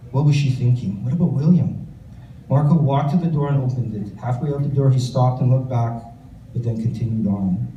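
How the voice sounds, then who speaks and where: Captured from a distance in a roomy space with background noise, a Canadian author reads his book aloud at a bookstore and then fields audience questions. He uses plenty of fillers and restarts. His voice sits in the mid range with a dark tone, and the highs are cut off.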